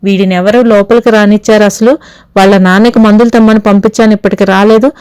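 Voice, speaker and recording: A sharp-tongued, harried hospital doctor who scolds, as a woman reads her in an audio storybook. The voice is smooth and clear, close and dry. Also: mid-range voice, steady tone, fast talker, no echo, close to an everyday voice. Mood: scolding.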